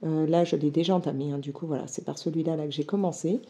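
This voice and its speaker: A woman's voice: low-pitched, fairly even intonation, fast, mellow, slight background noise. A woman in her thirties, a book vlogger chatting casually and eagerly through her latest books, with many fillers. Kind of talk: casual book haul chat.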